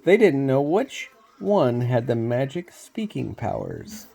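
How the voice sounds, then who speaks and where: A man reading a storybook aloud, unhurried, with small slips he laughs off. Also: medium pitch, big pitch swings, vocal fry, dark tone.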